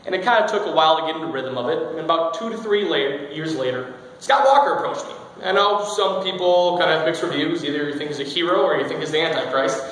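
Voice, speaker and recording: A man's voice: a little high, fast, fairly bright tone. A man in his twenties telling a humorous personal speech, joking and self-deprecating. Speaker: speaker giving a speech. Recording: very echoey hall, faint noise.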